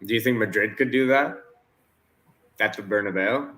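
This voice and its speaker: A man's voice: lowish voice, normal speed, poor audio. A Canadian man co-hosting a football watchalong in casual chat, ranting and swearing freely. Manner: profane, ranting, animated.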